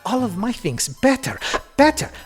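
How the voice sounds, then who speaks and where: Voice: medium pitch, very animated, normal speed, breathy edge, soft background music, voice pushed up. A game master voicing a small, boastful male goblin peddler who pushes his wares in a frantic, repetitive patter. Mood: frantic pitching. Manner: pushy, frantic, repeats himself.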